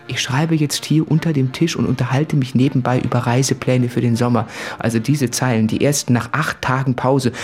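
In a literary radio play, an actor portrays an anguished, self-doubting man, speaking in a brooding, deliberate, confessional manner with light acting. His voice is mid-range and darkish, and music plays beneath it.

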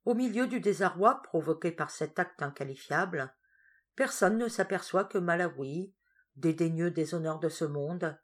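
A woman narrating an audiobook in a lively, expressive reading. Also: lowish voice, normal speed. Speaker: audiobook reader.

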